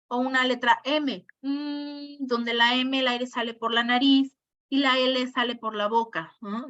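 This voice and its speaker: A woman speech therapist explains her topic in an informal lecture, often pausing to check that her listeners follow. Her voice sits a little high and sounds bright and forceful. The audio is dull and lo-fi, as over a video call. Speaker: speech therapist giving a talk. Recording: muffled lo-fi audio.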